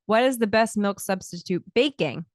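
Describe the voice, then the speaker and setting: A woman's voice: mid-range voice, animated, moderate pace, no echo. A woman in her thirties hosting a health podcast from a small home studio, talking casually into a close studio mic, explaining things with frequent restarts. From Scotland, early childhood. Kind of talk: casual solo podcast talk. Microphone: large studio mic close to the mouth.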